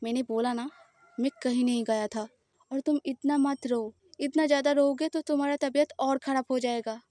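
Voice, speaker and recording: A woman's voice: high voice, fairly even intonation, moderate pace, dry recording, natural voice. A woman voicing a protective, possessive woman who firmly reassures her frightened partner. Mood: firm, soothing. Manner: firm, reassuring, slightly louder. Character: possessive, protective woman lover, firm and soothing.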